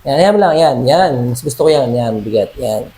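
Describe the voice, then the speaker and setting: Mellow-voiced man calmly coaching a client. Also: medium pitch, a little fast, rough recording. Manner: calm, reassuring, adds "sir" to nearly every phrase. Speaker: massage therapist treating a client. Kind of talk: casual instruction during a hands-on treatment.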